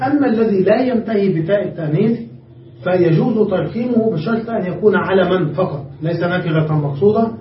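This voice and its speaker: A man's voice: high voice, brisk, a little hiss or hum. A man teaching a grammar lesson to students, explaining patiently and often checking whether they have understood. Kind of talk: classroom lesson. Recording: far-off echoey muffled room recording.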